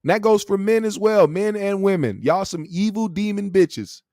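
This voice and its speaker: A man's voice: high-pitched, normal speed, darkish tone, no echo, studio quality. A man hosting a call-in show, talking casually in a slangy, profane, opinionated conversational way. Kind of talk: casual opinionated rant and chat.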